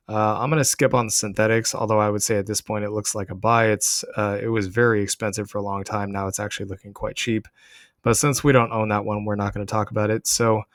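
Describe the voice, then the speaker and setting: Male channel host, lower register, casual explanatory market commentary straight to the audience, dry sound. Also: no echo. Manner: explanatory, addressing viewers directly. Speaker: crypto trading channel host. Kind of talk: casual market commentary over price charts.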